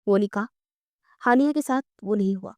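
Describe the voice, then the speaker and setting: A woman's voice: mid-range voice, a little mellow, no echo, close to an everyday voice. A woman voicing a devoted young husband in a romance audiobook, speaking in an earnest, reassuring way.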